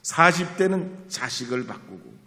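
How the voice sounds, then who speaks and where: A middle-aged male pastor preaching a sermon, switching from quiet asides to the congregation to loud, emphatic exclamations. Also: mid-range voice, sing-song, a little slow. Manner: chats with the congregation, asks them to repeat after him. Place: church sanctuary. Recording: long hall reverb in a church.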